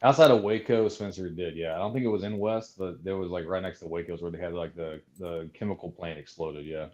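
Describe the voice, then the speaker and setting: A man's voice: low voice, a little fast, darkish tone, muffled recording. A man co-hosting a casual livestream, rambling through stories and reading viewer comments aloud. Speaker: livestream co-host.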